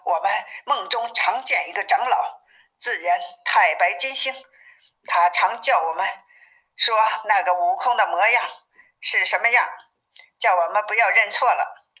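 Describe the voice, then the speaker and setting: A woman's voice: medium pitch, unhurried, pushed and bright. Woman reading as weary, pleading suffering monks. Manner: pleading, lamenting. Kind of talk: storybook reading. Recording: narrow phone-like sound.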